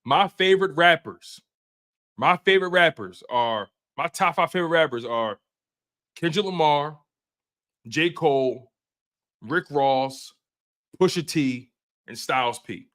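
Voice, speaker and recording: A man in his twenties hosting a live sports show chats informally with his audience, using slang and frequently repeating or restarting sentences. He sounds fairly high, stays unhurried, and pauses often.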